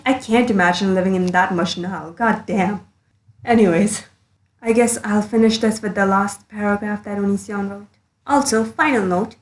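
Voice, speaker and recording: Woman recording under a blanket, echoey. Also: medium pitch. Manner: blunt, earnest, a bit sweary. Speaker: commentary YouTuber. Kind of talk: casual commentary monologue.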